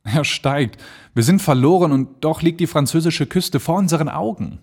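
A man's voice: on the high side, lively intonation, moderate pace, darkish tone, husky, voice pushed up. A man voicing a male balloonist who gives urgent commands in a raised voice. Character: male balloonist, desperate but resolute.

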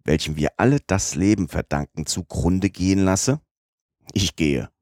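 A man reading a storybook, voicing a composed, clipped gentleman of few words. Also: low-pitched, unhurried, dry recording, studio quality. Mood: resolute. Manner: calm, clipped and resolute.

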